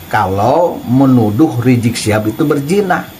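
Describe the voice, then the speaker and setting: A man's voice: mid-range voice, animated, unhurried, a little mellow, low-quality recording. Male host, mocking casual commentary, faint ambient noise. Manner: mocking, chuckles between remarks, addresses absent figure directly.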